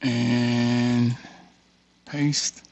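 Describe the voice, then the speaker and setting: A man hosts a casual screen-share tutorial, reading a document aloud and muttering offhand asides to himself as he works. His medium-pitched voice is level and somewhat dark, and he draws out his words. The recording is dry, with the high frequencies cut off.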